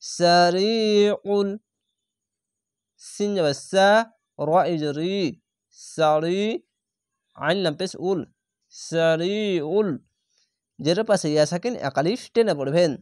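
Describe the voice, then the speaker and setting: High-voiced man spelling out recitation. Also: a little fast, darkish tone, no room sound, clean studio sound. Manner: spells each syllable, then draws out the recited word. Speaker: Quran reading teacher.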